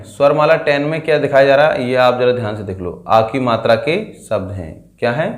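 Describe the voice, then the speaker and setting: Slow, patient man teaching children. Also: on the high side. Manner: drills syllables aloud, keeps checking with "theek hai"; repeats each sound several times. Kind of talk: slow patient Hindi alphabet lesson for children.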